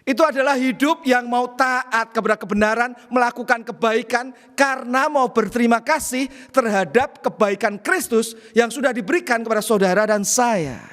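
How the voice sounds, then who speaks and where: Middle-aged man, pastor, storytelling sermon, high voice, long church reverb. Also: moderate pace, few pauses, fairly bright tone. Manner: storytelling, often addressing listeners as brothers and sisters.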